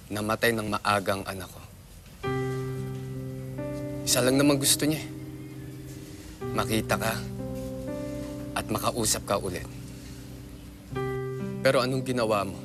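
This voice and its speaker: A man's voice: fairly low pitch, steady tone, a little slow, long pauses, over music, natural voice. An actor with a Filipino accent playing an emotional, remorseful, grieving father in a TV melodrama. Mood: bitter, grieving. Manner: emotional, earnest.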